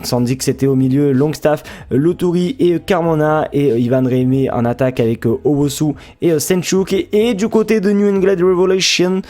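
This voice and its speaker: A man's voice: fairly high pitch, dark tone. Chatty young man with a raised voice. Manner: chatty, friendly, many fillers. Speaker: football channel host. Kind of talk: casual pre-match analysis.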